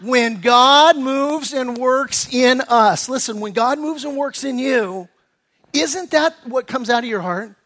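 An American pastor preaches a sermon in a very high-pitched, slow voice. He reads scripture aloud, then grows animated and excited as he explains it.

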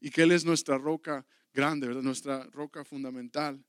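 A man's voice: mid-range voice, steady tone, moderate pace, smooth, no echo, studio quality. Earnest man preaching a Bible class. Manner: earnest, repetitive preaching with rising emphatic calls. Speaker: pastor teaching a Bible class. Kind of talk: sermon-style Bible teaching.

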